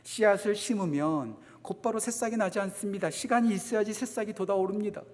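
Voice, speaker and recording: A middle-aged Korean man preaching a sermon. He talks fast, repeats phrases for emphasis, and moves between loud exhortation and hushed asides. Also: high-pitched. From South Korea. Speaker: associate pastor. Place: church sanctuary. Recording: long hall reverb of a church.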